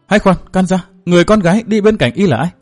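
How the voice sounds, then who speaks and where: A man's voice: sits high, expressive, quick pace, faint music behind, voice pushed up. A man voicing a jealous, headstrong young woman. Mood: resentful. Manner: emotional, pleading.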